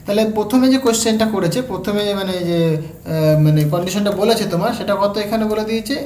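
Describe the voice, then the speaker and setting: A woman with a Bengali accent giving an exam-prep physics lecture, breaking each step down slowly and checking in with her students as she goes. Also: mid-range voice, darkish tone. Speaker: physics tutor. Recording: echoey room, faint background hum.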